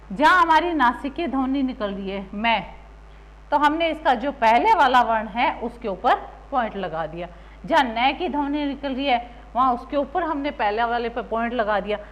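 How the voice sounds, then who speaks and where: A woman's voice: on the high side, poor audio. A woman teacher giving a grammar lesson, asking the class questions and then answering them herself.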